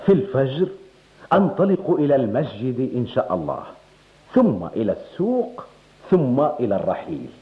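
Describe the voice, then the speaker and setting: An actor playing a humble but wily stranded traveler in a radio comedy drama, with theatrical, drawn-out classical delivery. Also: male voice, mid-range voice, wildly swooping pitch. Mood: grateful, eager. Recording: muffled, phone-like old radio recording.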